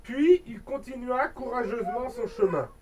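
A woman storyteller reading a children's tale with playful asides and dramatic pauses, recorded on a distant mic. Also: on the high side, expressive, darkish tone.

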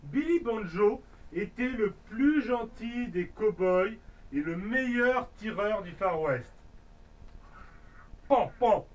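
A man's voice: sits high, animated, slow, far from the mic, a little hiss or hum. A father reading a children's storybook aloud at home, playful, adding sound effects and dramatic asides.

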